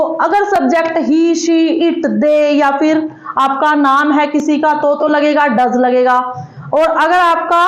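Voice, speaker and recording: A woman teaching English grammar at a blackboard, lively, asking the class questions and answering them herself. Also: high-pitched. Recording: echoey room, dull lo-fi sound.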